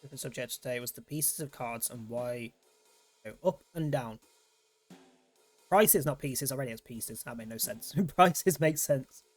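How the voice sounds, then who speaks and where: A man's voice: medium pitch, moderate pace, soft background music. Streamer dude chatting while he plays, swears a lot, rambly. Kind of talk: casual gameplay commentary.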